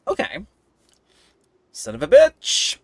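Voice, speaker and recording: Streaming a game, a young adult man chats casually with viewers, rambling and poking fun at himself. He speaks slowly, with no room sound.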